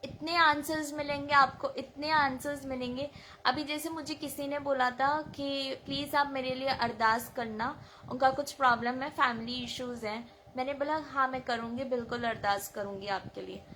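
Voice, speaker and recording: A woman in her thirties telling an informal devotional testimony, animated and acting out her own past words. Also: high-pitched, normal speed, a little hiss or hum.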